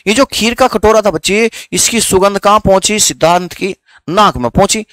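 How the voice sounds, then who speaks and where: A man's voice: high-pitched, moderate pace, a bit bright, no echo. A young man with a Haryanvi accent teaching history as a story, often repeating questions back to his students.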